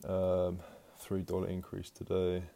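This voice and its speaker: A breathless podcast host speaks at a measured pace in a deep, warm monotone with vocal fry. Recording solo at home as he moves from room to room, he rambles casually, often restarting and using fillers.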